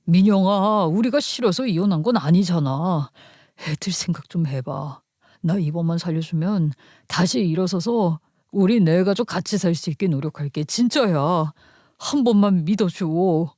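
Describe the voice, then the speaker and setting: A woman voicing a man, an ex-husband asking for money in a soft wheedling tone. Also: fairly low pitch, normal speed, no room sound, clean studio sound, pitched below the performer's own voice, close to an everyday voice.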